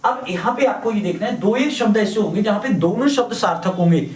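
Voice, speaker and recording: A man with a high, expressive voice teaches a Hindi grammar class at a fairly quick pace, repeating points and answering his own questions to the students. The lecture takes place in a classroom or coaching room, recorded with a distant mic amid echo.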